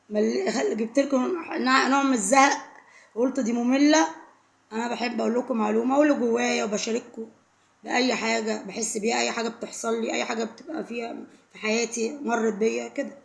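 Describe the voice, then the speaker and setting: A woman's voice: fairly high pitch, steady tone, fast, vocal fry, echoey room. A woman with an Egyptian Arabic accent giving heartfelt, emotional advice to camera, pleading and repeating herself for emphasis. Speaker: vlogger.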